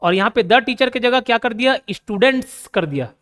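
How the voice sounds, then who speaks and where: A man's voice: extremely high pitch, lively intonation, a little fast, a bit bright, long reverb tail. A man with a Chhattisgarh Hindi accent teaching a grammar class, explaining step by step and asking and answering his own questions. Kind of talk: grammar lesson.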